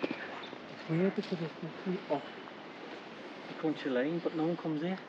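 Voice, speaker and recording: A man talking quietly, often away from the mic, while exploring an abandoned site outdoors with a friend. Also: on the high side, steady tone, normal speed. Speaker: exploring companion. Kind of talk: casual walkaround chat. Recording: muffled outdoor camera audio with loud background noise.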